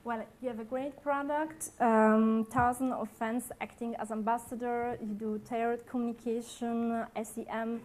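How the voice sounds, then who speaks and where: A woman's voice: on the high side, little pitch movement, moderate pace, few pauses, darkish tone. Hesitant woman presenting. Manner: hesitant, many fillers and restarts, non-native phrasing. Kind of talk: conference presentation. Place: conference hall.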